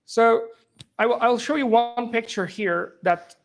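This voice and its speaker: Very high-pitched, an Afghan software engineer speaks fast into a handheld or clip microphone during an informal live tech demo for people in the room, restarting frequently.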